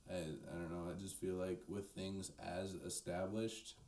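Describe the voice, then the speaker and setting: A man's voice: deep voice, little pitch movement, a little slow, a little mellow. A young man in casual podcast chat, rambling and hesitant with many restarts. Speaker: podcast co-host. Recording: echoey room, distant mic, faint noise.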